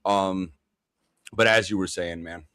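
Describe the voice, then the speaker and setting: A man's voice: low voice, fairly even intonation, measured pace, bright, forceful tone, no echo, studio quality. A man co-hosting a casual chat, laid-back and affectionate, with many fillers.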